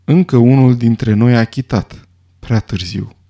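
A man reading as a calm old judge. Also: medium pitch, close to an everyday voice. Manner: calm, level and deliberate.

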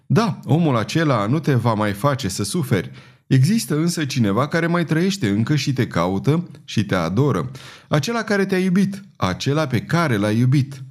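In an audiobook reading, a man voices a scheming, commanding noblewoman, pushing his medium-pitched voice up and speaking very animatedly. She persuades through insistence and authority.

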